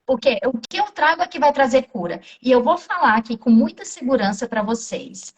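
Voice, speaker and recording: A woman with a Brazilian accent, speaking as a therapist in an interview and telling stories from her practice. Her voice sits a little high, and she is animated, acting out the voices in the dialogue as she tells it. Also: brisk, slightly rough, far from the mic, rough recording. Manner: animated, acts out quoted dialogue. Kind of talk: interview storytelling.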